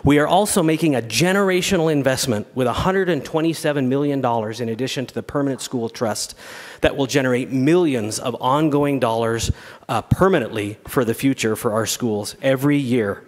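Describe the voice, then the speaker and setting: A man's voice: medium pitch, a little fast. An American man in his fifties giving a legislative floor speech as a state senator, explaining things with emphasis. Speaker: state senator presenting a bill. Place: large indoor legislative chamber. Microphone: podium gooseneck microphone. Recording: reverberant large chamber.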